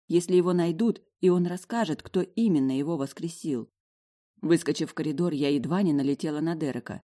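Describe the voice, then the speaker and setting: Low-voiced woman reading a fantasy audiobook. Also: warm tone. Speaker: audiobook reader. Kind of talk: first-person fantasy audiobook narration.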